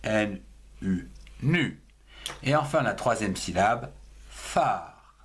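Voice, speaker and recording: A man's voice: fairly low pitch, animated, extremely slow, slight background noise. A man teaching cursive writing, spelling out words letter by letter and syllable by syllable in a patient lesson. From France.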